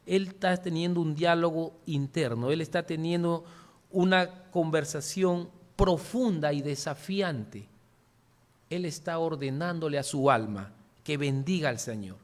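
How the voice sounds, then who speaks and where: A man's voice: on the high side, measured pace. Earnest man preaching a sermon. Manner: earnest, often adds a questioning "¿no?" and addresses listeners as "hermanos"; speaks in short spoken phrases with repetitions.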